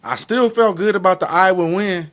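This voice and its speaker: A man's voice: high-pitched, moderate pace, fairly bright tone. A man co-hosting a sports podcast, talking in a laid-back, casual way and egging on his partner. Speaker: podcast co-host.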